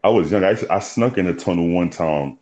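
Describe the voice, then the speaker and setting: A man's voice: deep voice, a little fast, dark tone. A middle-aged man with a Bronx New York accent, chatting casually and telling stories in street slang. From New York City. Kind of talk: casual chat. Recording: dull lo-fi audio.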